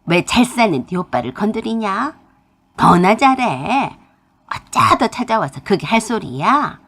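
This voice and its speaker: A woman's voice: fairly low pitch, sing-song, a little slow, gravelly, breathy edge, voice pushed down, full character voice. Woman doing a furious old mother. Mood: scolding. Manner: scolding, sharp reproaches. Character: angry elderly mother, scolding and bitter.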